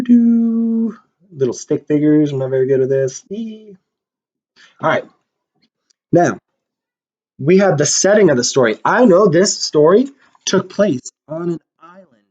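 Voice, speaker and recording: A man's voice: fairly high pitch, a little mellow. A man teaching young children, talking to them in an upbeat way while he draws. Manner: upbeat, talks to kids while drawing. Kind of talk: reading a storybook and teaching a lesson. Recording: dull lo-fi sound.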